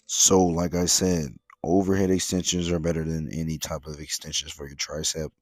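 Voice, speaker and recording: A man's voice: a bass voice, flat delivery, normal speed, no echo, studio quality. A man giving casual workout commentary as a voice-over, in a laid-back, slangy gym-bro manner. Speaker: fitness vlogger.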